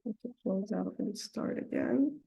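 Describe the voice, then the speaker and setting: Over a rough video-call recording, a Seattle community presenter with Somali as her first language delivers a webinar while recovering from a cold. Her medium-pitched, dark voice swoops wildly, runs a little slow and carries vocal fry. Lots of ums and broken-off phrases make her sound hesitant.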